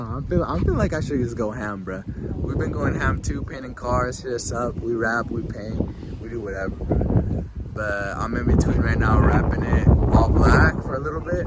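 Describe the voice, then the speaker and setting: Slangy frat-bro guy over loud background noise. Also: mid-range voice. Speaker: car builder presenting a vlog. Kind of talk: casual vlog chat.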